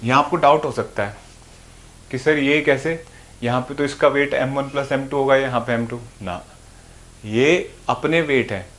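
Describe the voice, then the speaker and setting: In a classroom or a room with a board, a man gives a physics lecture to students in an unhurried, medium-pitched voice with a slight brightness. He explains things patiently and answers his own questions along the way.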